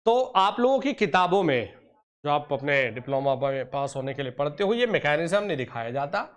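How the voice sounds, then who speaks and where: A man's voice: on the high side, very animated. A man teaching an online exam-prep lecture, fond and teacherly, stretching out key terms, sometimes scolding his students. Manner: teacherly, addresses students as "beta" and "pyare bachche", scolds and coaxes; drawn-out slow emphasis on key terms.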